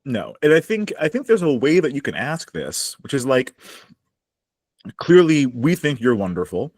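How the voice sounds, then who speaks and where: A man's voice: mid-range voice, normal speed, no echo, studio quality. A man co-hosting a casual podcast recap from his home basement, laughing and acting out quotes. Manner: animated, acts out quotes with laughs. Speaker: podcast co-host.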